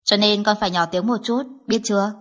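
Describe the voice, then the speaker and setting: Casting: a woman doing a terse young dad, firm and low-key, husky, audiobook. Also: fairly even intonation, brisk, natural voice. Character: calm protective young father, curt and firm.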